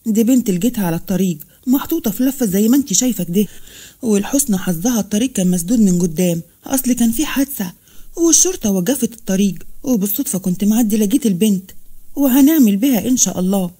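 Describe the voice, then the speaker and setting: A woman voicing a kindly, hopeful childless husband, speaking calmly and gently with an Egyptian Arabic accent. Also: medium pitch, fast talker, close to an everyday voice. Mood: earnest.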